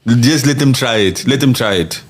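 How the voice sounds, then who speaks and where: A man with a medium-pitched voice hosts a podcast at a moderate pace, chatting casually and reading viewer comments aloud. He's animated and emphatic, laughs often, and repeats phrases for effect.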